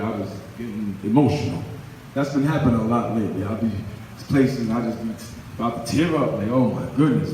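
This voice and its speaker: A man's voice: mid-range voice, warm tone, slight background noise. Earnest man speaking in an echoey hall. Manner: earnest, conversational, repeats words. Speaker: event speaker. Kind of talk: motivational speech to a live crowd. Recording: echoey hall, recorded from far off.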